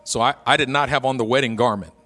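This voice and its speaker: A male pastor delivers a sermon in an average-pitched voice, easing into a chatty, funny story before pressing his point with urgency. Soft music plays faintly under him. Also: fast. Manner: conversational, humorous storyteller who builds to urgent exhortation.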